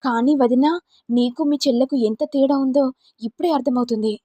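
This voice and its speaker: A woman's voice: high-pitched, steady tone, brisk, mellow, breathy edge, dry recording. A woman voicing a troubled young brother-in-law in a story, complaining earnestly about his wife.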